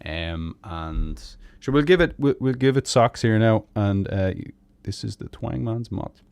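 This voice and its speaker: An Irish man hosting a weekly music live stream, chatting casually between songs in a relaxed, rambling way with many fillers. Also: on the low side, measured pace, vocal fry, smooth, no echo.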